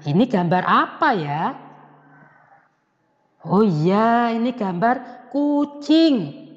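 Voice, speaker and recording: A man leads a children's lesson at a very slow, sing-song pace, asking questions and answering them himself. His voice rings with a long echo, and the lo-fi recording sounds dull. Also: high-pitched. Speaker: elementary school teacher.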